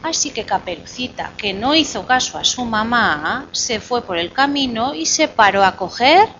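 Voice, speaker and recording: A woman telling a fairy tale to a small child, slowly and playfully, pausing so the child can finish the lines. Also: fairly high pitch, highs cut off, a little hiss or hum. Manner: slow and animated, coaxing the child to finish lines. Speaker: storyteller to a child.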